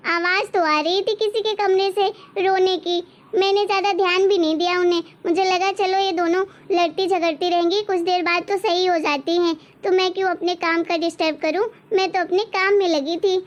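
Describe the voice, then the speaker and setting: A woman's voice: very high-pitched, steady tone, normal speed, hardly any pauses, highs cut off. A woman voicing a sweet, eager young daughter-in-law in a cartoon story. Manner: sweet, reassuring.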